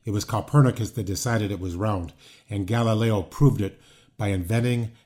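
Speaking at a normal speed, a man in his sixties hosts a podcast in a casual interview chat, rambling with plenty of fillers and restarts. He's a former wrestler, and his lowish voice is a little mellow.

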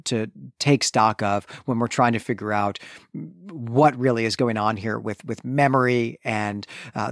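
A podcast co-host with a fairly low voice recaps and discusses fiction, wandering conversationally and qualifying his points often. The sound is studio quality, with no echo.

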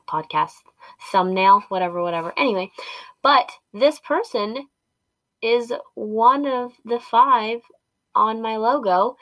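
Female podcast host, unhurried and informal, rambling and self-deprecating, recorded dry inside a closet. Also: medium pitch, fairly bright tone, no echo, lo-fi sound. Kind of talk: casual solo podcast chat.

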